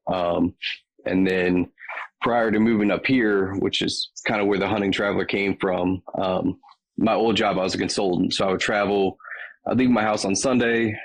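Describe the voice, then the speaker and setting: A man's voice: sits low, steady tone, normal speed, low-quality recording. A man with a Southern US accent, a podcast guest chatting casually and rambling with many ums. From Virginia. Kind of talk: casual chat.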